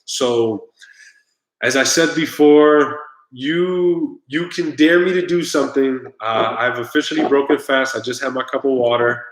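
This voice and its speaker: A man's voice: mid-range voice, a little slow, reverberant, poor audio. A man hosting his own live stream, chatting casually and straight to his viewers. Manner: laid-back, talks straight to viewers, groans at the drink.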